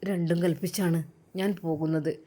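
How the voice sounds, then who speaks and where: A woman voicing an earnest young man who speaks in a low, quiet, solemn way about leaving home. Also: fairly even intonation, normal speed, lightly acted.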